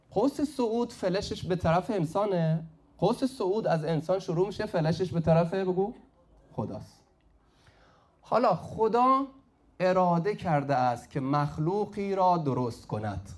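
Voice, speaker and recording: Lively male teacher quizzing a class. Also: on the high side. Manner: prompts the class with "say it" and quizzes them. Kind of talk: classroom lecture at a whiteboard.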